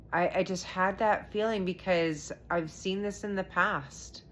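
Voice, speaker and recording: Low-voiced woman rambling about trading. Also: fairly bright tone, a little hiss or hum. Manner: rambling, with many fillers and restarts; acts out her own past reactions in quotes. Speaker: stay-at-home mom sharing her stock trades. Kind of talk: casual rambling vlog chat.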